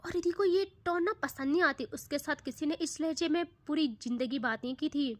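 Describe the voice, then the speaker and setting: A woman's voice: high voice, brisk, dry recording. A woman narrating a love story in a chatty, casual way, slipping in English words.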